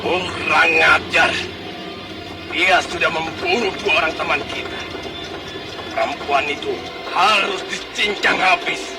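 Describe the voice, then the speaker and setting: A man playing an enraged, brutal royal soldier in a radio drama, shouting threats. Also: a little high, slow pace, long pauses. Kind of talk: Indonesian radio drama acting. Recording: distant radio drama sound, loud music.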